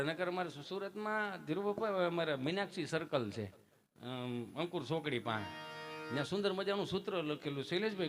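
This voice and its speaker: A man telling folk jokes and stories on stage, acting out many voices. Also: fairly high pitch. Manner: lively joke-telling with many acted voices. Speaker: folk comedian. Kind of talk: live stage storytelling.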